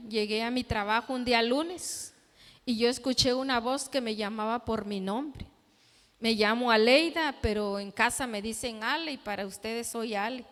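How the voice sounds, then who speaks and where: A woman guest preacher, telling her story earnestly and often addressing the congregation as brothers and sisters. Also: fairly high pitch. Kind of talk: testimony sermon. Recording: reverberant church hall.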